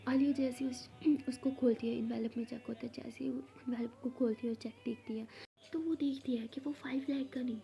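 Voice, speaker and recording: A woman narrating a romance story in a soft, often half-whispered way. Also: on the high side, steady tone, brisk, creaky.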